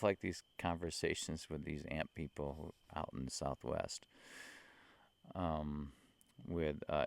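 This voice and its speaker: A man talking slowly and earnestly about spiritual experiences into a handheld mic, with many fillers and soft laughs. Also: extremely low pitch, gravelly, no room sound. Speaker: spiritual vlogger. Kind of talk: casual spiritual talk to camera.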